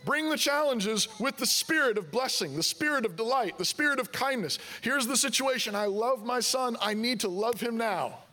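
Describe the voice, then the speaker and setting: A man's voice: very high voice, lively intonation, moderate pace, few pauses, pushed and bright. A man preaching a sermon in a conversational way, asking the congregation questions and voicing their objections. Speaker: pastor.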